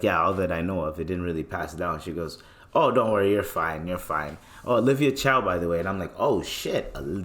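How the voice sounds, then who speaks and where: A man's voice: fairly low pitch, fairly bright tone. A young man casually telling a story on a podcast, slangy and swearing freely. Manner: laid-back slangy, swears freely, repeats filler phrases. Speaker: podcast host.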